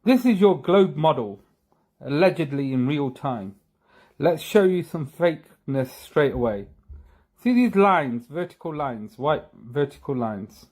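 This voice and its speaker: A man's voice: on the high side, lively intonation, measured pace, darkish tone. A man with a slightly raised voice walks through images on screen and mocks them as he goes. His delivery is sarcastic and pointed throughout. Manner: sarcastic, mocking. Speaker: video commentator. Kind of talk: sarcastic screen-share commentary.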